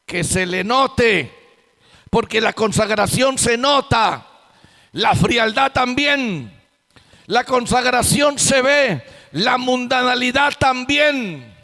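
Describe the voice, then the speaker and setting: A man's voice: extremely high pitch, lively intonation, slow pace, sharp tone. A man preaching a sermon as pastor, emphatic and full of rhetorical questions. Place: church sanctuary. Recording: long hall reverb in church.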